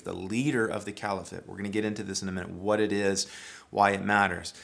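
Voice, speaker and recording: Middle-aged American male Bible teacher, slightly low pitch, earnest emphatic monologue delivery. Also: gravelly, a bit bright. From United States. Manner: earnest, emphatic, with frequent restarts.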